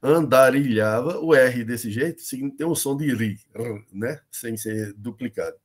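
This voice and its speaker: A man's voice: mid-range voice, fairly even intonation, measured pace, husky. A middle-aged man with a Brazilian Northeastern accent, teaching an online lesson on poetic meter and checking in with his students often. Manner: explanatory, many fillers and checks like "né?" and "beleza?".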